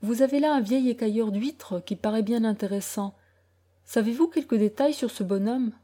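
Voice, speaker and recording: A woman voicing a timid middle-aged father who speaks in a troubled, halting way. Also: fairly high pitch, dark tone, lightly acted.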